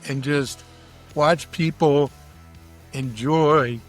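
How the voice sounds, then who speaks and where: This interview guest, a barbecue cook, draws out his words in a fairly high, steady voice. His chat is casual, folksy, colloquial and enthusiastic, with faint music behind him.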